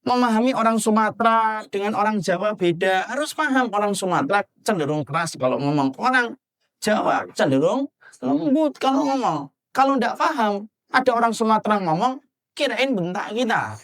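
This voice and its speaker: Brief: male preacher from Java, lively storytelling sermon, often asks the audience questions. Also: high voice, normal speed. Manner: animated, rhetorical questions to the audience, acts out husband and wife.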